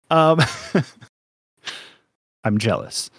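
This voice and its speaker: A man's voice: medium pitch, big pitch swings, extremely slow, gravelly, fairly bright tone, breathy edge, no echo, studio quality. A man co-hosting a casual podcast, rambling and joking with frequent laughs. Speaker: podcast co-host.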